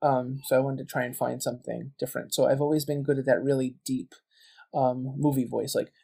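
A man's voice: medium pitch, flat delivery, fairly quick, gravelly, warm tone. A man guesting on a podcast, chatting casually and telling stories full of quoted back-and-forth. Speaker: guest, game writer and voice actor.

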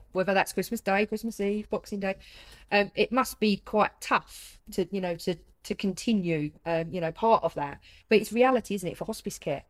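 A British woman hosting a conversational interview in an empathetic, chatty, affirming way. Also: mid-range voice. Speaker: interviewer and host.

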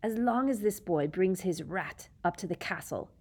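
A woman reading aloud and voicing a haggard, fierce male fugitive who snarls and croaks in a storybook. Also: fairly low pitch, lively intonation, moderate pace, darkish tone. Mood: defiant.

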